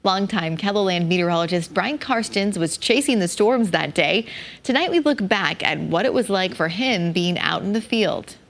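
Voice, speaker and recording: A woman's voice: lowish voice, animated, moderate pace, gravelly. An American woman reading scripted news as a television anchor.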